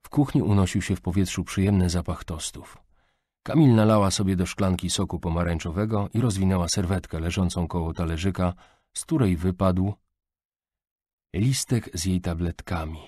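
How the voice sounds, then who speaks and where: A man reading a novel aloud as an audiobook narrator, measured and even, into a close studio mic. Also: sits low, husky, dry recording. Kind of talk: scripted narration.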